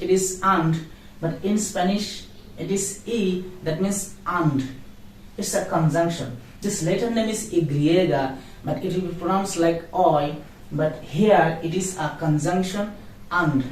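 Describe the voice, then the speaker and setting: A language teacher giving a pronunciation lesson, saying each word slowly and repeating it to contrast the wrong sound with the right one. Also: medium pitch, a little mellow, distant mic. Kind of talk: slow spoken pronunciation lesson. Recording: echoey room, voice off-mic, faint noise.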